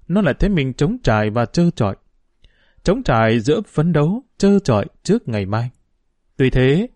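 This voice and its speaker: A man narrating a novel as an audiobook in a steady, measured way. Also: mid-range voice, dry recording. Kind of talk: novel reading.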